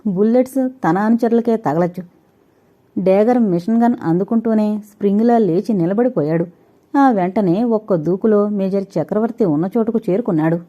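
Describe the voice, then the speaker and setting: Female audiobook narrator, mellow dark tone, dull lo-fi recording, steady dramatic reading. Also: mid-range voice.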